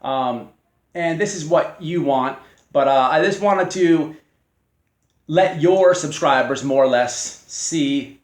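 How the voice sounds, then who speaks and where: A man hosting his own channel, delivering a mocking, confrontational response to a rival in halting speech full of fillers and restarts. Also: fairly high pitch, reverberant. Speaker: channel host.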